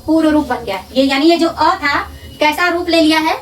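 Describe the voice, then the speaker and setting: High-voiced woman teaching, distant mic. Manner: asks questions and answers them herself; repeats terms slowly and syllable by syllable. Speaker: Sanskrit grammar teacher. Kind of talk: classroom-style lesson.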